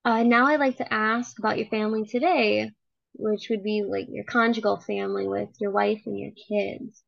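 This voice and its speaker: Friendly and encouraging, a young woman questions a relative for a school assignment and says "like" a lot. Her mid-range voice carries vocal fry, fairly even intonation and normal speed. The audio is slightly dull and lo-fi, without echo.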